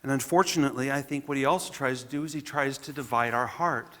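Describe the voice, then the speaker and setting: A man's voice: mid-range voice, fast talker, sharp tone, long reverb tail. A man preaching a sermon as pastor in a church, talking earnestly and conversationally and often restarting his sentences. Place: church sanctuary.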